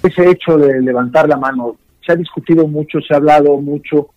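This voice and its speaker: A man asking a long, reflective question in a deliberate, musing way. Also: fairly high pitch, slight background noise. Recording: dull, dry broadcast audio.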